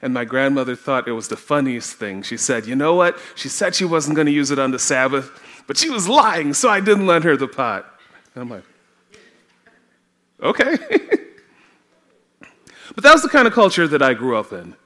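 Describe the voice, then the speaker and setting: His medium-pitched, sing-song voice sounds a bit bright as this Trinidadian preacher, speaking with a Trinidadian accent, slowly shares personal stories during a church sermon, often breaking into laughter in the sanctuary.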